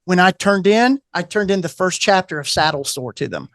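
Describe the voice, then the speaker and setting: Animated storytelling man, dry audio. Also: high voice, moderate pace, no echo. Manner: animated anecdote-teller, acts out quoted voices. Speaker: guest author. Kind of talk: casual storytelling interview.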